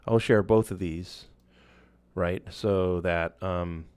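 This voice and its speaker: A man walking through a software tool in a casual screen-share tutorial, loose and relaxed, with many fillers and restarts. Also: low-pitched, slow, clear, resonant tone, no room sound. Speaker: instructor.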